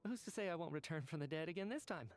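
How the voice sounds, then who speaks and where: A man voicing a calm reasoning scientist. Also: on the high side, a little hiss or hum, close to an everyday voice. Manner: measured, thoughtful, explanatory. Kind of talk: video game voice acting. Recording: game audio with faint music behind.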